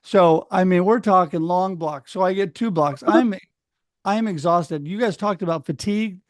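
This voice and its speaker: A middle-aged man from Oregon, telling a personal story in a casual, animated way on a video call and acting out what other people said. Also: high voice, normal speed, no echo. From Oregon, United States. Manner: animated, acts out other people's words, laughs often. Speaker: speaker sharing his story.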